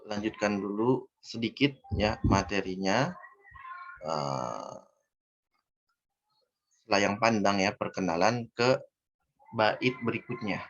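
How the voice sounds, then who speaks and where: Male recitation teacher, patient step-by-step explainer, slightly muffled online call audio. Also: fairly low pitch. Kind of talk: online tajwid lesson. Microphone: video call.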